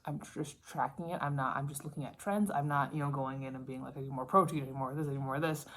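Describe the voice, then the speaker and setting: A book and writing vlogger in her late twenties chats casually in a rambling, self-interrupting way, as in a personal vlog. She has a bass voice that is a bit bright, speaks fast with fairly even intonation, and the recording has noticeable background noise.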